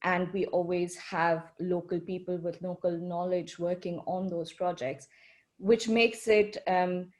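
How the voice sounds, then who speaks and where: A woman architect speaking as a panelist, thoughtful, with frequent pauses and ums. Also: lowish voice, little pitch movement, a little mellow. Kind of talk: panel discussion.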